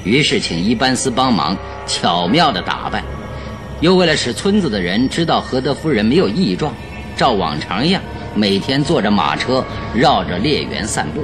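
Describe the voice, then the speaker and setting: A man acting in a Chinese radio drama portrays a confident detective, walking through his deductions with courtesy and mastery in a confident, expository way. He speaks at medium pitch and normal speed with big pitch swings, backed by music.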